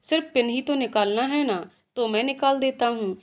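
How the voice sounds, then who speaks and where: A woman voicing a caring young husband in a spoken storybook, soft and reassuring. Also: sits high, moderate pace, close to an everyday voice. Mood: gentle.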